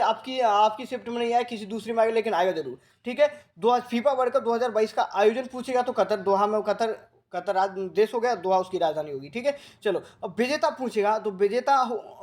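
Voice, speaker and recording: A male coaching teacher from Rajasthan. He gives a current affairs lecture, speaking slowly and repeating key facts as he drills his students. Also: high-pitched, darkish tone. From Rajasthan, India. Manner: slow, repetitive drilling that coaxes students like a big brother.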